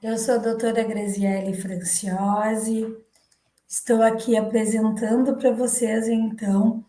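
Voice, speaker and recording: Brazilian woman giving a slow training talk. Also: a little high, darkish tone. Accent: Brazilian Portuguese. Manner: speaks slowly on purpose, with fillers and restarts. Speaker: teacher trainer. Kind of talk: educational talk. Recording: echoey room.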